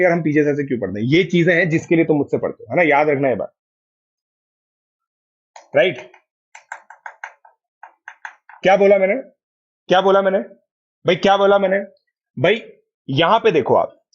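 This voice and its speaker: A man's voice: a little high, highs cut off. A man with an Indian accent teaching a math class online. He keeps coaxing his students to answer and confirm each step.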